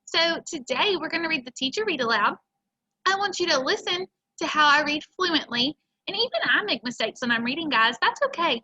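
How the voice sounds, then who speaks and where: A woman's voice: high voice, sharp tone, dull audio. A woman teacher speaking to children in an encouraging way, explaining a lesson and then reading a story aloud. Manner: friendly, encouraging.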